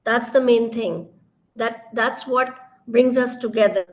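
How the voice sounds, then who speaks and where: A woman giving a halting tribute speech full of fillers over a video call whose audio breaks up and cuts out. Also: fairly high pitch, fairly even intonation. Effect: video call audio breaking up and cutting out. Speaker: webinar participant.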